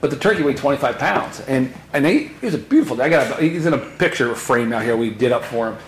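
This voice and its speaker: A man in his sixties telling hunting stories on a podcast, animated and acting out the voices in them. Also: medium pitch, fast talker. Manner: animated storyteller who acts out voices. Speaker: hunting guide guest. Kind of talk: podcast storytelling. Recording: roomy room with faint noise.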